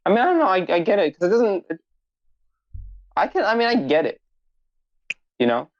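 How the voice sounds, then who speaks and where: A young man, co-hosting a casual podcast chat in an animated, halting way with many restarts. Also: high-pitched, no room sound, muffled recording. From United States. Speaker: podcast co-host.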